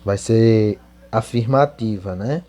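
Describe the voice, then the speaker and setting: Slow, mellow teacher man. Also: on the low side. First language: Portuguese. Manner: spells out English answers word by word, then translates. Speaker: English teacher. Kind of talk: slow classroom explanation.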